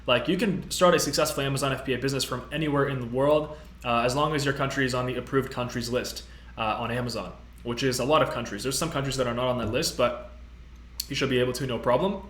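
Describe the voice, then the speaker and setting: A man's voice: medium pitch, fairly even intonation, quick pace, a bit bright. A man in his twenties hosting a casual live-stream tutorial, upbeat and chatty, with many fillers as he reads out viewer comments. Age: 20s. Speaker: host. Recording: roomy echo.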